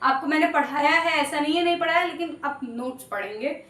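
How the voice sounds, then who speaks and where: A woman's voice: high-pitched, brisk, fairly bright tone. A young woman teaching a maths lesson to students, chatty and coaxing, often asking them to promise to study. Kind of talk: casual online lesson. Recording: echoey room.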